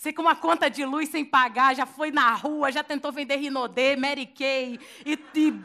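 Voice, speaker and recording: A woman preacher with a Brazilian accent tells a lively, story-driven sermon and acts out the scenes as she goes. Her voice is high and bright. She talks in a playful, slangy way. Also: moderate pace.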